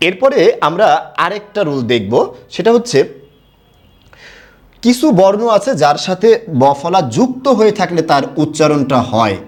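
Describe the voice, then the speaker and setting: Higher-voiced man teaching grammar. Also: sing-song, normal speed, pauses often. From Bangladesh. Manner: explains step by step, asks and answers his own questions. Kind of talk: online lesson.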